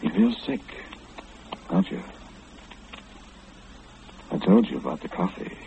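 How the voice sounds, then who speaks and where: In a muffled, hissy old-time radio horror play, an actor voices an all-knowing, ominous man who confides in the listener insistently, with questions. His voice is low, creaky, and mellow, slow yet very animated and exaggerated.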